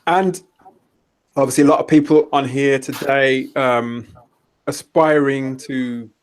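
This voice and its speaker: A man's voice: mid-range voice, steady tone, takes it slowly, a little hiss or hum. A man with a mid-range voice hosts a casual podcast interview. He feels his way through long questions, stopping and restarting as he goes. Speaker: podcast host.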